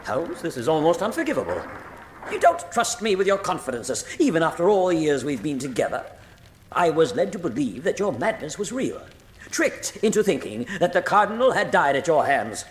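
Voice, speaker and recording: A man's voice: a little high, very animated, moderate pace, slight background noise. A man playing an earnest, loyal doctor in a radio drama, with a blustery, exclaiming manner. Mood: hurt. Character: earnest, honest English doctor, loyal and easily astonished.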